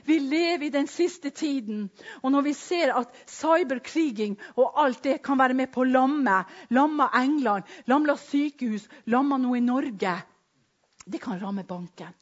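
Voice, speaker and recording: A woman preaching a sermon with emphasis, swinging between loud declarations and hushed storytelling. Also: high-pitched. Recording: dull lo-fi recording.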